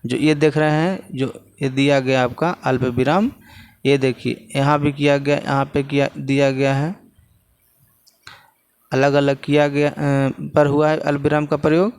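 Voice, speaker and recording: Male teacher, Bihari Hindi accent, explaining textbook answers, higher voice, smooth and clear. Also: level tone, measured pace, a little mellow. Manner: repeats phrases while pointing at the text.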